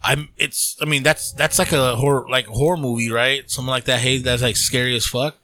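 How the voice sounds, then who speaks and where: A man's voice: medium pitch, steady tone, fairly quick, pushed and bright. A man co-hosting a podcast, talking loosely and animatedly, swearing freely as he tells stories. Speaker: podcast co-host. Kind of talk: casual chat.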